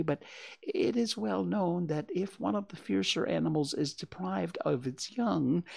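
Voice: medium pitch, vocal fry, pitched above the performer's own voice. A storyteller voicing a small, timid, anxious but kindly piglet in a children's storybook, with a fussy, earnest manner.

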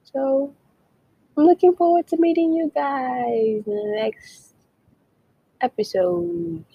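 This young Nigerian podcast host speaks slowly in a high, gravelly voice, and the recording has its highs cut off. She chats casually by herself, using "like" often and adding playful whispered asides.

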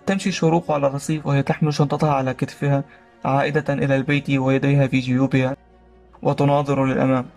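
A man narrating a story in a steady, reading style. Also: medium pitch, gravelly, soft background music. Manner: rapid, even reading.

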